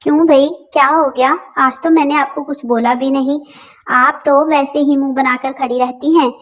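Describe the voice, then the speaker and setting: A woman's voice: sits high, steady tone, moderate pace, dull audio, lightly acted. A woman voicing a quarrelsome young wife who sarcastically threatens to leave for her parents' home. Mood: sulky. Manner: whiny, sarcastic, dramatic.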